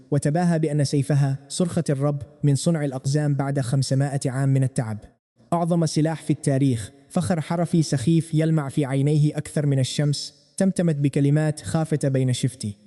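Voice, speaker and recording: A man narrating a comic recap as a scripted story, with dramatic, rapid delivery. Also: fairly high pitch, fairly even intonation, warm tone.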